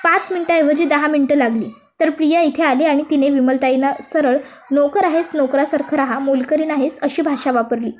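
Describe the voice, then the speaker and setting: A proper young daughter-in-law who lectures calmly and firmly, voiced by a woman retelling a serial. Her voice sits high and even. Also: fairly quick, a little hiss or hum, close to an everyday voice. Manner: firm, lecturing.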